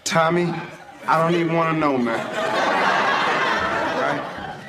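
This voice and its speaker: A man acting as the excitable lead of a sitcom, stammering and talking fast, over studio audience laughter. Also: fairly high pitch, over a noisy crowd, very noisy.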